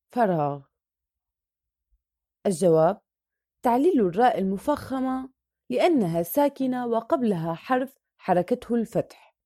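A woman's voice: mid-range voice, mellow, no echo, studio quality. A woman teacher reading a Quran recitation worksheet aloud, going through each question and answer methodically and drawing out the example words.

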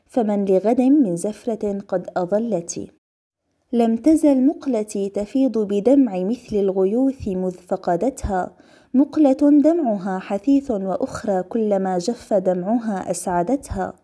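A woman reading classical poetry aloud in a measured recitation, pausing for short explanatory glosses. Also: medium pitch, mellow. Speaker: reader.

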